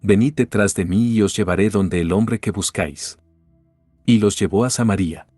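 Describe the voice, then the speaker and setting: A man reading a Bible passage aloud in a steady, measured narration style, with the quoted lines barely acted. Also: lowish voice, dry recording, soft background music. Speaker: Bible reader.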